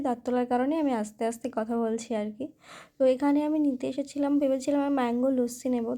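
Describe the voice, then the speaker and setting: A woman's voice: a little high, darkish tone. A young woman, chatting casually and rambling through stories for her vlog. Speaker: vlogger. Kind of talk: casual vlog chat and voice-over.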